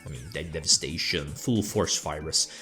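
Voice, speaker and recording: A man's voice: extremely low pitch, normal speed, bright, forceful tone, soft background music. A man giving casual, rambling commentary on his card game match, full of hesitations and restarts.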